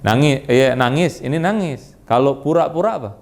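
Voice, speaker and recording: An Indonesian-accented man teaching an Arabic grammar class, quizzing students with quick questions and repeating their answers. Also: medium pitch, a little mellow, a little hiss or hum. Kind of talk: classroom lesson.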